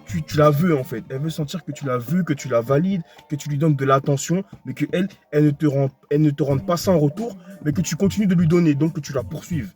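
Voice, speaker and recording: A man's voice: a little high, fast, few pauses, mellow. Slangy man with a raised voice, music behind. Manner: slangy, repetitive, addresses listener directly. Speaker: dating advice talker. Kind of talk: casual monologue to viewers.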